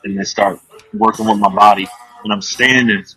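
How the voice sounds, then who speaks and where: A man's voice: lowish voice, fairly even intonation, moderate pace, sharp tone, husky, soft background music, low-quality recording. A man in his thirties hosting a podcast, telling blunt, profane, darkly joking stories in a casual way. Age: 30s. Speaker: podcast host. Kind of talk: casual storytelling.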